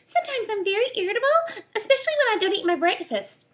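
A woman's voice: very high-pitched, expressive, fast, voice pushed up. Woman doing a prim, proper would-be pirate. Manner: polite, wordy, formal diction. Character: prim, well-spoken rascal, mild and unpiratelike.

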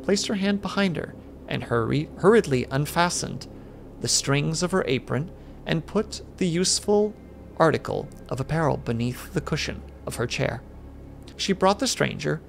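Man, spooky story reading, gravelly voice, steady pace, faint background hiss. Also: on the high side. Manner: steady narration with small slips. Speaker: streamer reading a horror story.

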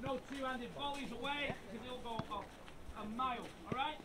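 A football coach with an English accent, outdoors on a beach, shouting quick clipped commands and encouragement to his players during a training drill. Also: very high-pitched. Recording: outdoor wind and crowd of players.

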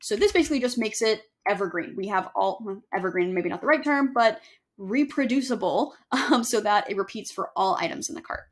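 A young woman giving a casual screen-share software tutorial, chatty and self-correcting as she walks through each step. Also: medium pitch, lively intonation, fairly quick. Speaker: email marketing instructor. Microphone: webcam overlay on screen recording.

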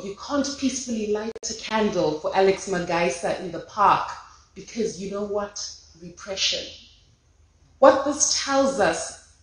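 A woman giving an impassioned memorial tribute speech at a podium in a large lecture hall. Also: mid-range voice. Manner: impassioned, rhetorical, rising in force. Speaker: memorial speaker. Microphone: podium microphone.

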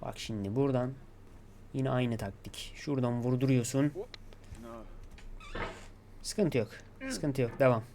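Casting: male gaming YouTuber, mid-pitched, self-coaching play-by-play, faint background noise. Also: a little slow, pauses often. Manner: talks to himself, coaxing and urging himself to stay calm. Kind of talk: gameplay commentary.

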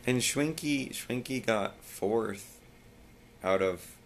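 A tired man chatting casually in a home vlog, rambling and sometimes dropping his voice very low. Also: takes it slowly, a little hiss or hum. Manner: rambling, drops voice very low at times. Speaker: vlogger. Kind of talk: casual chat.

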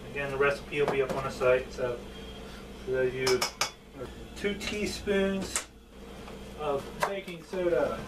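A man in his thirties hosting a cooking show as a chef, talking casually and plainly in a halting, informal way. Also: medium pitch. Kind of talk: casual instructional vlog talk. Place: indoors at home, table and kitchen. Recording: distant mic with background noise.

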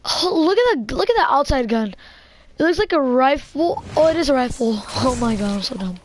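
Excitable high-voiced young woman gaming. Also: a little fast, a little hiss or hum. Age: 20s. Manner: excitable, rambling, heavy on "like" fillers. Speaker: gamer streaming. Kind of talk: casual gameplay chatter.

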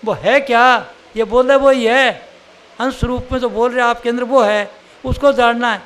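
A man's voice: very high voice, fairly even intonation, moderate pace, a bit bright. An older man from India giving a spiritual sermon in a plain, conversational teaching manner with everyday examples. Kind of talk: satsang sermon.

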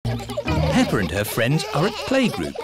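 Cheerful British male narrator, children's cartoon storytelling, measured pace, background music. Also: mid-range voice, huge pitch swings. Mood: cheerful narrating. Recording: music under the voice.

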